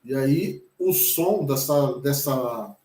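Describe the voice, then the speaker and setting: A man's voice: medium pitch, slow, warm tone, reverberant. A Brazilian pastor teaching a Hebrew lesson, patient and careful, repeating each word several times as he explains it. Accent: Brazilian Portuguese. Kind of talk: slow classroom lesson.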